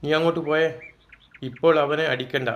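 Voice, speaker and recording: A man's voice: fairly high pitch, steady tone, a little fast, fairly bright tone, muffled recording, lightly acted. A man voicing an old grandmother who chides and coaxes her grandson in a told story. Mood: scolding. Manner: chiding, coaxing. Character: fond but scolding old grandmother.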